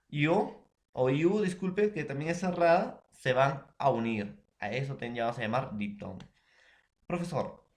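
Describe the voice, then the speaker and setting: A man from Peru gives a classroom explanation, his voice sitting a little higher than most men's. He goes through the material step by step and keeps checking that his listeners are following. The delivery is plain and patient.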